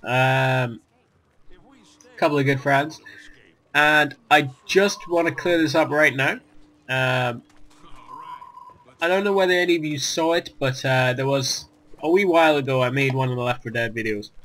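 A young man's casual gameplay commentary rambles along with lots of fillers, restarts and self-deprecating remarks. The gaming YouTuber is recovering from a virus and has lost his voice. He talks at normal speed in a medium pitch with a fairly bright tone and long pauses.

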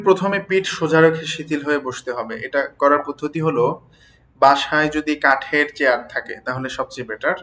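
A man's voice: a little high, fairly bright tone, low-quality recording. A man teaching a lesson on jaw exercises and pronunciation drills, chatting with listeners and checking they follow. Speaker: teacher of standard Bengali pronunciation.

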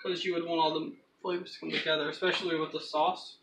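A man's voice: fairly high pitch, flat delivery, fast talker, vocal fry. A young man giving casual, instructive explanations as he cooks at home. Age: young adult. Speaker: home cook demonstrating a recipe. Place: small home kitchen, indoors. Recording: noisy handheld kitchen camera recording.

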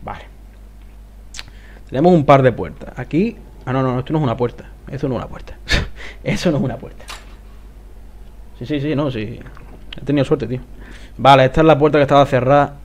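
A man doing casual let's play commentary, talking to himself, swearing often, with sudden excited outbursts. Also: medium pitch, fairly quick, long pauses. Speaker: gameplay commentator.

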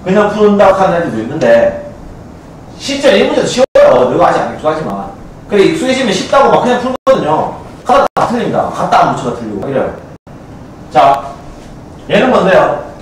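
A male math teacher with a Gyeongsang Korean accent lecturing a class, constantly quizzing students with quick checks. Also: sits high, big pitch swings, slight background noise. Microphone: far camcorder. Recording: echoey classroom from a far camcorder.

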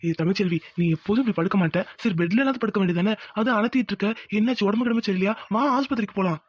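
A man's voice: high-pitched, racing, husky, dry recording. A man voicing a worried young village husband in a cartoon who keeps asking questions and pressing for answers. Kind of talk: cartoon voice acting.

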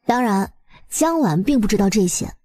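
A woman's voice: mid-range voice, expressive, normal speed, mellow, no echo. A woman narrating a webnovel story expressively, in a colloquial, dramatizing storyteller's manner.

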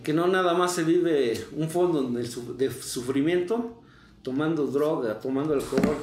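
A middle-aged man with a Mexican accent telling a painful personal story in a halting way, repeating words as he relives it. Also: a little high, darkish tone, reverberant, a little hiss or hum. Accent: Mexican Spanish. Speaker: interview guest. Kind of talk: emotional personal testimony.

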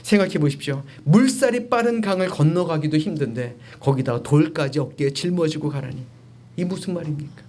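Male pastor giving a sermon, pretty high voice, emphatic, keeps telling the people to listen up. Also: fairly quick, a little mellow. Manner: emphatic preaching, voice swelling upward on key phrases; addresses the congregation directly with exhortations.

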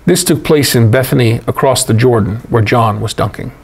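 A man's voice: medium pitch, a little fast, darkish tone, husky. A man with an American accent giving a Bible study lecture, reading passages and adding conversational asides to his listeners. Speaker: Bible teacher.

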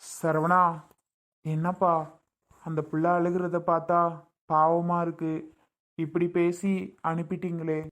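A woman's voice: fairly low pitch, flat delivery, slow, long pauses. A woman speaking in an indignant, insistent, scolding way in a family skit. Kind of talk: family drama acting.

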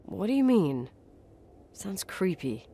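A woman's voice: medium pitch, sing-song, slow pace, warm tone, slightly rough, heavily acted. An actress playing a blunt, defensive young woman who swears and answers curtly, in video game dialogue. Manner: curt and swearing.

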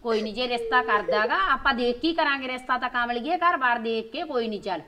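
A woman's voice: fairly high pitch, fast, sharp tone. A woman playing a soothing village sister-in-law. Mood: reassuring. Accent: rural Malwa Punjabi. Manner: soothing, reassuring.

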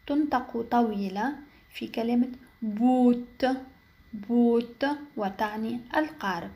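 Woman teaching letters slowly, says each word twice, kinda high voice. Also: darkish tone. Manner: spells out letters and repeats example words. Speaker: language teacher. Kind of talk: slow explanatory lesson.

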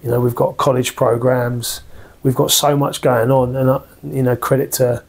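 Gravelly-voiced man, flat and earnest. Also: medium pitch, moderate pace. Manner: earnest, full of restarts and fillers. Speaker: football manager. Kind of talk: post-match interview. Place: small office with framed football shirts.

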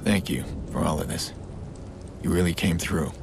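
An actor playing a grim, determined vigilante hacker in a video game, with a low gravelly growl and a terse, menacing way of talking. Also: male voice, normal speed. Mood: grim resolve. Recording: rain and clear background noise.

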